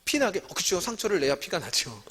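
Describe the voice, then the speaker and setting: A man's voice: sits high, sing-song, a little fast, a bit bright, slightly rough. Korean man teaching in a reverberant church hall. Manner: asks the audience many questions and answers them himself. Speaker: staff teacher leading a Bible study. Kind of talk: interactive sermon teaching.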